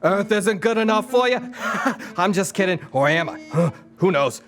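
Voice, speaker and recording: A man's voice: high voice, lively intonation, moderate pace, fairly bright tone. A man voicing a cheerfully greedy cartoon shark salesman with slippery, showy sales patter.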